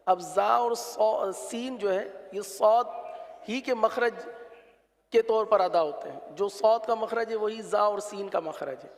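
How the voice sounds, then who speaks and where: A man teaching the pronunciation of letters for Quran recitation, slow and patient, drawing out each sound to demonstrate it. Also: high voice, big-room sound.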